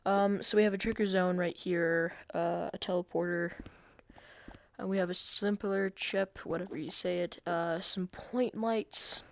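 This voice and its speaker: Gravelly, hesitant young man explaining. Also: high voice, fairly even intonation, measured pace. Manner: hesitant, many fillers and restarts, self-deprecating. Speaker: game tutorial creator. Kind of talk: casual screen-recorded tutorial.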